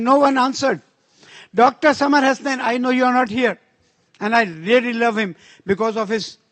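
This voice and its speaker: Speaking at a conference with a Pakistani accent, this Urdu-native man has a very high, slightly bright voice and no echo around him. His delivery is emphatic, easing off the pace whenever he wants to underline a key point.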